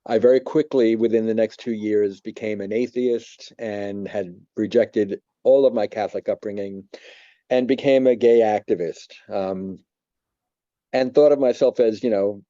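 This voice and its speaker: A man in his seventies from New York, telling a personal faith testimony in a reflective, halting way with many pauses. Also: fairly low pitch, dark tone, no room sound, dull audio. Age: 70s. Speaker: church member giving testimony.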